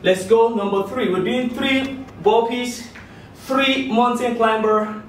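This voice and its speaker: A man's voice: very high voice, fairly even intonation, takes it slowly. A middle-aged man working out as an aerobics instructor, counting and cheering on in short, exerted, encouraging cues with puffs. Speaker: fitness instructor leading a workout. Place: indoor tiled room, on an exercise mat. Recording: echoey room, distant mic, faint noise.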